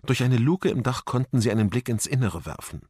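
Male audiobook narrator, expressive, husky, dry close sound. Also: medium pitch, a little fast, no echo. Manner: expressive storytelling.

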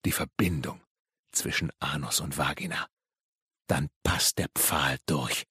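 A man voicing a crazed, raving male junkie whose croaking voice cracks upward. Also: very deep voice, unhurried, sharp tone, no echo, studio quality, voice pushed down, heavily acted. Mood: eerie muttering.

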